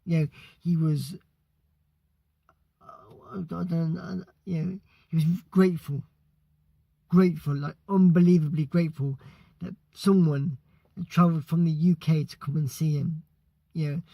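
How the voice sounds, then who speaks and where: Excitable British man with a gravelly voice. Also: on the high side, a little slow, dry recording. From United Kingdom. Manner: excitable, stumbling over his words. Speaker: vlogger. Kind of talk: casual storytelling.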